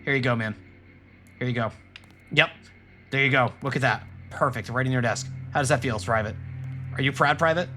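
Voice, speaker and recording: A man from Rhode Island in New England streams a game, giving casual let's-play commentary as he rambles, jokes, and talks to his chat and the screen. His mid-range voice is brisk and sharp, broken up by long pauses. Soft music plays in the background.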